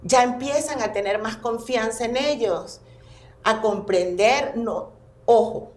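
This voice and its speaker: A woman with a fairly high, slow voice appears as a guest on a casual podcast, where she works as a family constellations therapist. She tells her stories in an expressive, animated way, and the recording has a roomy echo.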